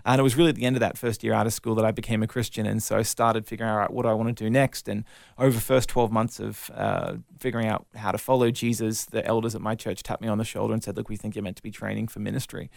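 An Australian man in his thirties, an evangelist, telling his life story in a relaxed interview with a self-deprecating, articulate manner. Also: on the low side, rapid-fire, vocal fry, no room sound, clean studio sound. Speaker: guest, evangelist.

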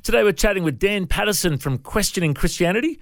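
A man's voice: high voice, animated, fast. A man hosting an interview show, introducing his guest and asking questions in a friendly, encouraging way.

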